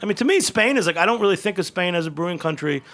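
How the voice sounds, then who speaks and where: A man hosting a radio talk show, chatting with guests in a quick, excitable way. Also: sits high. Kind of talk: casual radio chat.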